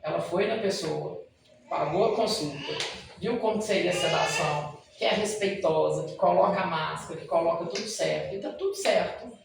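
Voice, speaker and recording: A man's voice: fairly high pitch, moderate pace, vocal fry, noisy background. A man, a dentist, giving a spoken lecture and telling stories, often addressing the audience directly. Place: lecture hall at a spiritist center. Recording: very echoey hall, mic far off.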